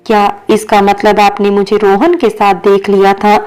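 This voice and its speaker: A woman's voice: mid-range voice, completely flat delivery, moderate pace, a little mellow, smooth, close to an everyday voice, poor audio. A woman voicing a playful, sulking young female employee in a storybook reading, with a childlike, insistent manner.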